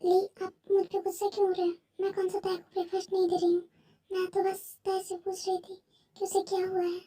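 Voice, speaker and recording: A woman plays a worried middle-aged mother in a fan-dubbed audio drama, anxious and defensive. Her voice is very high and mellow, with a flat pitch. It is recorded from a distance. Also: a little fast.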